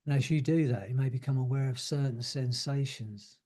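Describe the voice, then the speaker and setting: A man leading a guided hypnosis relaxation, speaking slowly and soothingly and letting his words trail off softly. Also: medium pitch. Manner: slow, soothing, drawn-out phrasing with soft trailing words.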